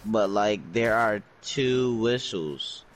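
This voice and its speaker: A man's voice: lowish voice, slow pace. A young man chatting casually with friends in a blunt, slangy, sweary frat-bro manner. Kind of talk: casual chat among friends. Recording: noticeable background noise.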